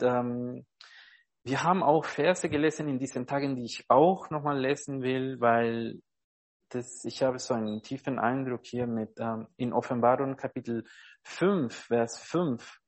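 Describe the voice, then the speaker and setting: Earnest man preaching haltingly. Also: medium pitch, darkish tone. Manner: halting, searching for words, many fillers; earnest, often asks listeners "ja?". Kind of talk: informal devotional preaching.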